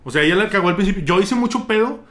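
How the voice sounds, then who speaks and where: Young man, mexican accent, somewhat high voice, casual storytelling, slangy and animated. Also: rapid-fire. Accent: Mexican Spanish. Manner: vulgar slang-heavy, animated retelling with laughs. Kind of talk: casual storytelling among friends.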